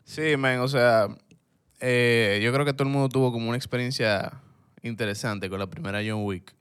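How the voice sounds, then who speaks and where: A man's voice: mid-range voice, fairly even intonation, moderate pace, a bit bright, clear, resonant tone. A man with a Dominican accent hosting a casual film podcast, talking in slangy, colloquial speech sprinkled with English words. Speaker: podcast host.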